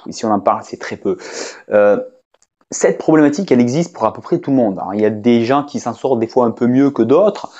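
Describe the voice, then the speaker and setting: French-speaking male teacher, casual talk to camera, halting and chatty, slightly muffled recording. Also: mid-range voice, darkish tone. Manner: hesitant, many fillers and restarts, conversational. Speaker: English teacher. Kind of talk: casual spoken lesson to camera.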